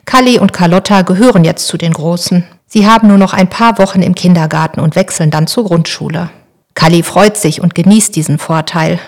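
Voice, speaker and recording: Female narrator, a touch low, calm clear children's audiobook reading. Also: brisk.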